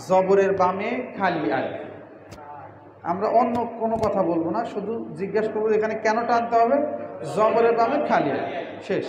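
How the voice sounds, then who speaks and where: A man's voice: high-pitched, roomy sound, long reverb tail, poor audio. A man teaching Quran reading in a mosque class, drilling letter sounds and stretching syllables in a chanting recitation.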